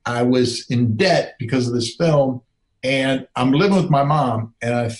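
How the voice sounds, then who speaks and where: A man's voice: mid-range voice, a little slow. A middle-aged man telling a personal story in a conversational way, acting out the voices of the people in it. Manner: earnest, conversational, acts out quoted voices. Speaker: filmmaker telling his story. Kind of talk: personal storytelling, public speaking.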